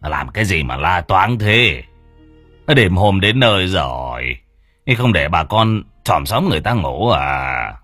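Man as curt older village headman, lively pitch, barks orders. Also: slow, no room sound, studio quality, soft background music, full character voice. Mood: irritated. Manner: blunt, irritated questioning. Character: gruff older male village chief, short-tempered.

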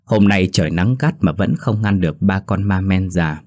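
A man narrating a horror story in a steady, even storytelling manner. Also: low voice, normal speed.

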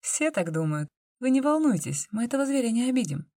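Stubborn young girl, pleading and insistent, higher than the narration, done by a woman. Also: sing-song, a little fast, dark tone, no echo, clean studio sound. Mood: friendly. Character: sharp, stubborn nineteen-year-old girl.

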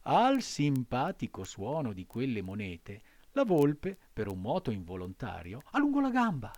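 A man narrating a classic storybook aloud, slow and expressive. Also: mid-range voice, no room sound. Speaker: audiobook reader.

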